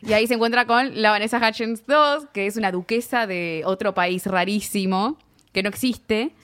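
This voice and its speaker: A relaxed woman with a Rioplatense Spanish accent, walking friends through a film's plot in easy conversation. She laughs often and trips over the odd name. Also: medium pitch, moderate pace. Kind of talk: casual chat retelling a film plot.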